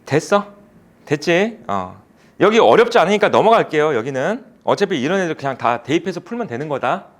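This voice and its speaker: A man's voice: a little high, big pitch swings, brisk. A man tutoring math in a cram school classroom, explaining problems and chatting casually with his students, teasing them. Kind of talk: classroom lecture with banter.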